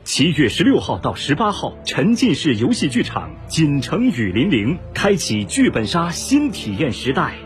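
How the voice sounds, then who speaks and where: Very expressive man narrating a promo. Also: a little high, moderate pace, hardly any pauses, soft background music. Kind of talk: dramatic scripted event promo.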